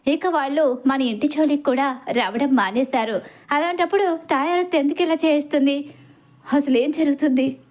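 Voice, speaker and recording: Woman doing a worried young man, earnest, explaining, high voice. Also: darkish tone, close to an everyday voice.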